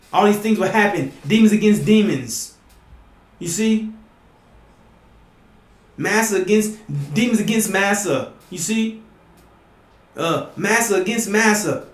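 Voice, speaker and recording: A man preaching emphatically to his listeners, often asking "you see?" and sometimes rising to a shout. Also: sits high, echoey room. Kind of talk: impassioned preaching monologue.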